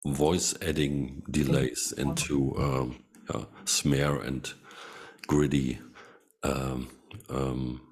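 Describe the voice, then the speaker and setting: A man hosting a guitar show, pausing and searching for words as he sums up a sound. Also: very deep voice, little pitch movement, a little mellow, husky.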